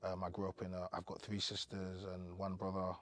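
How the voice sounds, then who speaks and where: A young man from Cameroon, talking as a podcast guest in relaxed, rambling chat with plenty of fillers. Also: low-pitched, brisk, no room sound. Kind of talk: casual interview chat.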